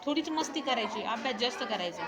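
A woman teacher talks with young pupils in a school classroom. She keeps coaxing and repeating her questions, asking them to speak louder. Her voice sits high, and the room is full of classroom noise behind her. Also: expressive, fast, a loud crowd. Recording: noisy classroom ambience.

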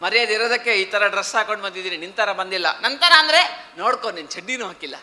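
A man's voice: high-pitched, expressive, fast talker, sharp tone, soft background music. A male ventriloquist bantering as the straight man with his puppet in a stage comedy show.

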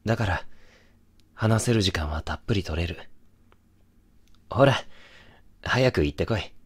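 A man's voice: deep voice, lively intonation, a little slow, husky, heavily acted. A man voicing a young boyfriend in an ASMR situation drama, remorseful, brusque yet tender and protective, talking bluntly and intimately as in pillow talk. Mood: gentle.

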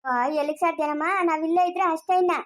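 A woman's voice: very high voice, level tone, racing. A woman acting a tearful villager in an amateur family drama, speaking in an emotional, pleading way.

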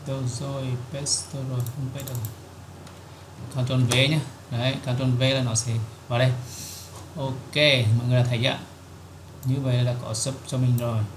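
A man, hosting a screen-recorded software tutorial and explaining it step by step with frequent filler words. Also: medium pitch, little pitch movement, moderate pace. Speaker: tutorial host. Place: at a computer, recording his screen. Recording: echoey room with clear keyboard typing noise.

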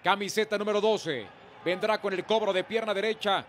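Mexican guy doing excited football goal commentary, high voice, stadium noise behind him. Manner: emphatic, drawn-out goal calls.

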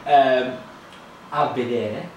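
A man's voice: mid-range voice, very slow, darkish tone, highs cut off. A young man chatting casually and playfully during a game with a partner. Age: young adult. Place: living room sofa, indoors. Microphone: camera a few feet away. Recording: echoey room, distant mic, faint noise.

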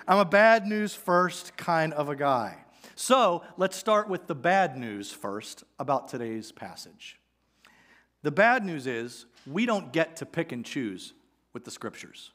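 A man in his forties, a pastor giving a conversational, animated sermon on a church stage with a headset mic. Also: a little high. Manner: conversational, animated preaching with gestures. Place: church sanctuary stage, indoors.

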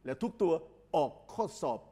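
A man lectures, explaining slowly, repeating phrases and drawing out each English word. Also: mellow. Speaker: English exam tutor. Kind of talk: recorded lecture.

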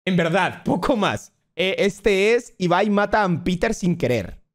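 A man's voice: high-pitched, unhurried. Young guy w reacting to clips, bouncy voice, swears a lot, roasts people. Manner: animated, blunt, swears and mocks playfully. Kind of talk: casual reaction commentary.

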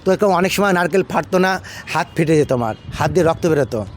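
A man from India, a monk, tells his story in a relaxed, rambling way, circling back over the same points and pausing on fillers. His voice sits a little high for a man. A faint hum of noise and passing vehicles runs underneath. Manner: unhurried, repetitive, with many fillers and restarts. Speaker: ISKCON monk recounting his past. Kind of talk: casual storytelling talk.

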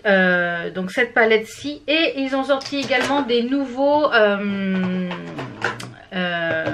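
A woman's voice: fairly high pitch, fairly bright tone, a little hiss or hum. A woman from France chatting casually through a makeup product review, with many fillers and restarts. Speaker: beauty vlogger.

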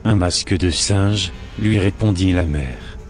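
A man's voice: low-pitched, takes it slowly, a little mellow, faint music behind. A man voicing a worried mother in a horror story reading, anxious and questioning. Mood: uneasy. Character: worried mother, adult woman.

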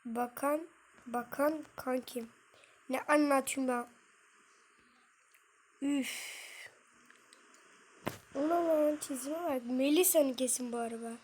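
Woman, high-pitched, gaming commentary, grumbling and swearing at the screen, faint hiss behind. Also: takes it slowly, pauses often, darkish tone. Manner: mutters and swears at the game, banters with viewers. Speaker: gaming streamer. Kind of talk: casual gameplay commentary.

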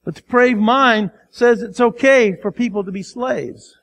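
High-voiced Midwestern pastor preaching. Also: male voice, a little slow. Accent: American Midwest. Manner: acts out the crowd and Pilate in quotes, sometimes shouting; drops to a quiet, low voice for emphasis. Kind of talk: sermon.

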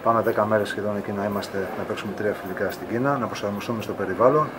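Guy in his 30s, team captain after the game, blunt and firm with reporters, noisy hallway. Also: lowish voice. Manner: frank, firm, pushes back on questions. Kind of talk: post-game interview with reporters. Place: indoor arena corridor. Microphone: reporters' phones held close. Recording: noisy arena corridor.

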